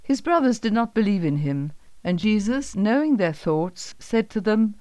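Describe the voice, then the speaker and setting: A woman giving a calm, even scripted narration of a Bible story on a close microphone. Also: mid-range voice, normal speed, no echo.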